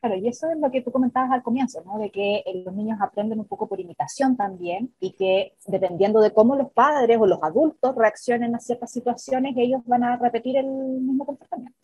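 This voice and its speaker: Dark, breathy woman hosting. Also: a little high, brisk, few pauses, no room sound, rough recording. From Chile. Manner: friendly, sums up and reads out questions. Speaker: host. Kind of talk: interview hosting.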